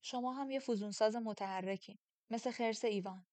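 A woman's voice: fairly high pitch, a little mellow, dry recording, natural voice. A woman reading an audiobook, voicing a blunt, curious young woman who asks questions directly. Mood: wary, questioning.

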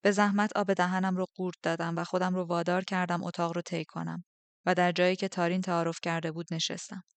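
A woman narrating a story in the first person, steady and subdued. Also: fairly low pitch, no echo. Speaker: audiobook narrator.

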